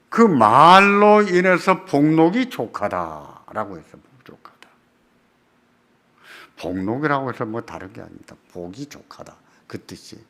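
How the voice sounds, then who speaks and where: A man preaching a sermon at a church prayer meeting, putting rhetorical questions to the congregation and repeating key phrases with emphasis, swinging between loud and soft. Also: a little high. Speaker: pastor.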